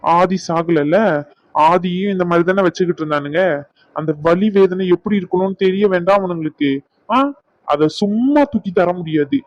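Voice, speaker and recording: A man's voice: high voice, normal speed, no room sound, dull audio, natural voice. A man voicing a stubborn, vengeful young doctor in a cartoon, speaking in a defiant, insistent way. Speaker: voice actor. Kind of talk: cartoon dub acting.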